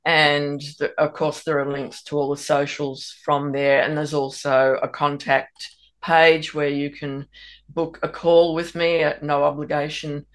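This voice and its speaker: Female hypnotherapist guest, calm explanatory radio interview voice. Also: low voice, unhurried.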